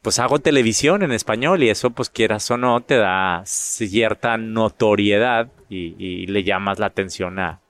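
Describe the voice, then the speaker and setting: A middle-aged man with a northern Mexican accent, talking in a casual interview. His voice sits fairly low, and he tells his stories in a lively way, often repeating a word while he searches for the next. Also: moderate pace, few pauses. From Monterrey, Mexico. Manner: animated, repeats words while finding them. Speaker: actor and guest.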